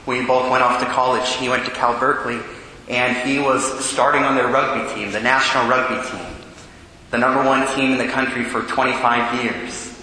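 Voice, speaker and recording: In a large church with a cathedral echo, a man serving as priest reads the gospel and preaches in a measured, solemn way. His voice is medium-pitched, level, bright and forceful, and the recording carries long echoey church reverb with a faint hiss.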